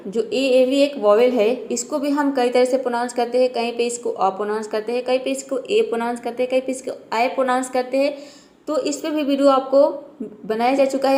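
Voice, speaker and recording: A woman teaching English pronunciation rules, patiently asking and answering her own questions and repeating each word slowly. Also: fairly high pitch. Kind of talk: spoken lesson on pronunciation rules.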